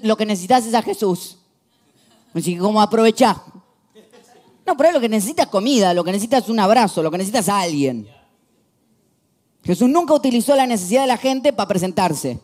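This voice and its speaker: Young argentine-sounding guy preaching, storytelling, goes quiet then punchy. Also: sits high. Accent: Rioplatense Spanish. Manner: animated storytelling, shifting from hushed to emphatic. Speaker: pastor. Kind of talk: sermon.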